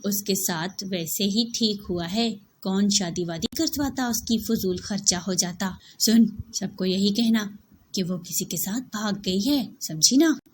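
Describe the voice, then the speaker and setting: A woman voicing a harsh, bossy elder sister-in-law who scolds and insults in a loud voice. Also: mid-range voice, slight background noise, close to an everyday voice. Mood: scornful.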